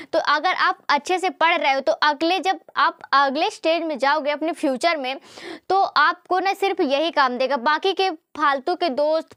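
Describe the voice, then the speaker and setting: A woman's voice: sits high, a bit bright, no echo, studio quality. A woman teacher giving a chatty motivational study lesson, often repeating herself and asking rhetorical questions.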